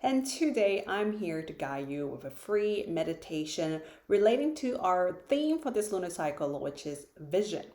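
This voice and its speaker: A woman who founded a retreat, guiding a meditation in a gentle, unhurried way with soft pauses, seated in her living room. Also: fairly low pitch, very animated, echoey room. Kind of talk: guided meditation. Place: living room, sitting on a floor cushion.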